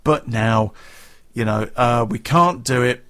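A gaming vlogger chats loosely to his viewers, thinking out loud. He rambles, starts sentences over and drops in the odd swear word. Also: medium pitch, slow. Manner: rambling and chatty, swears freely, many restarts. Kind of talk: casual chat to viewers.

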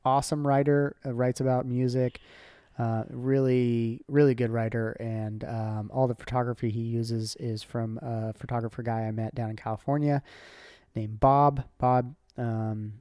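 A woman's voice: extremely low pitch, level tone, a little slow, dark tone, no echo. A woman hosting a casual podcast chat, rambling with lots of ums. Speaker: podcast host.

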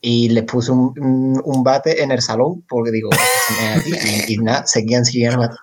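A man telling a childhood story with a halting, self-mocking manner in casual chat. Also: medium pitch, steady tone, background noise. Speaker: podcast co-host. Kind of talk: casual storytelling among friends.

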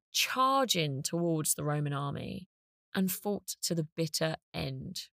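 A woman's voice: low voice, gravelly, dry recording, clean studio sound. A woman podcast host delivering scripted narration. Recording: spoken over music.

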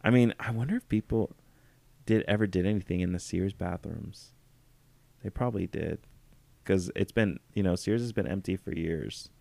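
A man's voice: low-pitched, normal speed, gravelly, darkish tone, no echo. A man co-hosting a podcast in casual chat, telling stories in a brash, profane way and laughing often. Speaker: podcast co-host.

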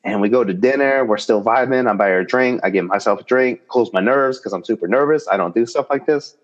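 A man hosting a casual chat, telling a dating story in an animated, joking way. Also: brisk. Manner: animated and joking, with big pitch jumps. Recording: slightly dull, lo-fi sound.

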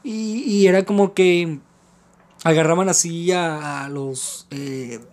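A man's voice: a little high, slow, a little mellow. Rambling Mexican man telling a story. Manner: rambling and slangy, lots of filler words and restarts. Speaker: podcast host. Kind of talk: casual anecdotal storytelling.

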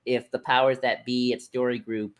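Here a podcast co-host speaks at normal speed with a medium-pitched, level voice. The discussion is casual, and he rambles and hesitates, frequently looping back over what he just said.

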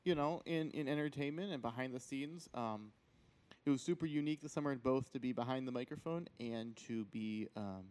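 A man's voice: mid-range voice, a little fast, darkish tone. A man hosting a podcast in casual conversation, with an enthusiastic, playful way of talking. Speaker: podcast host. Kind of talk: casual chat.

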